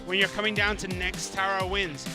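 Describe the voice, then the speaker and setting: A man casting an esports match, with quick, excitable play-by-play and reactions. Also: high-pitched, music in the background. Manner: excitable, quick reactions, mock-scolds the player. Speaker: esports caster. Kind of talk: play-by-play commentary.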